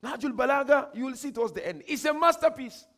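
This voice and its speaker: This man from Ghana, with a Ghanaian English accent, gives a religious workshop lecture full of emphatic declaiming, slow and grand quotation readings, and quiet asides. His pitch is extremely high.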